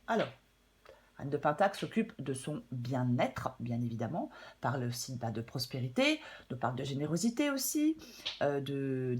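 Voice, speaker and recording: A slightly hoarse woman giving a casual, chatty weekly tarot reading, with many fillers and some throat clearing. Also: deep voice, darkish tone, slight background noise. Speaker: tarot reader.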